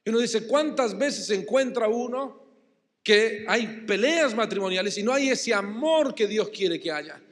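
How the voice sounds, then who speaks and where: Emphatic Argentine pastor, reverberant hall. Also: male voice, high voice, lively intonation, unhurried. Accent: Rioplatense Spanish. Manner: emphatic, calls the congregation to repeat and answer. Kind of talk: sermon. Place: church hall. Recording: long church-hall reverb.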